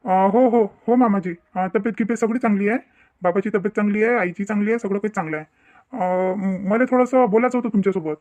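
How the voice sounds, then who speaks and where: Man voicing stressed young husband, cartoon drama, stammering, complaining, high voice. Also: fast, darkish tone, lightly acted. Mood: hesitant. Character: young married man, stressed son-in-law.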